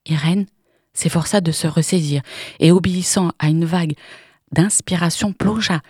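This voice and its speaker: A woman narrating a literary novel in a measured, dramatic way, often dropping to a whisper. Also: fairly low pitch, fairly even intonation, dark tone, slightly rough, no echo, studio quality.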